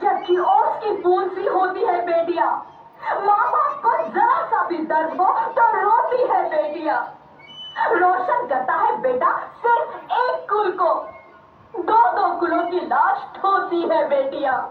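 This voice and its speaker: A woman's voice: very high voice, animated, takes it slowly, a little hiss or hum, full character voice. A woman acting as the vengeful spirit of unborn daughters, declaiming in an accusing, tearful manner, recorded far from the mic in an echoey room. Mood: lamenting. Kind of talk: amateur drama acting. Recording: echoey room from far off, tinny phone-like sound.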